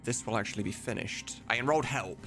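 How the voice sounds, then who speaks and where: Over background music, a man of medium pitch chats quickly and loosely on his live stream, wandering from point to point with occasional swearing. He streams and also mods games.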